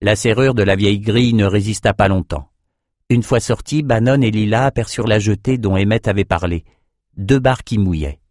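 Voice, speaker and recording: Man narrating an audiobook, steady and dry. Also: lowish voice, brisk, dry recording.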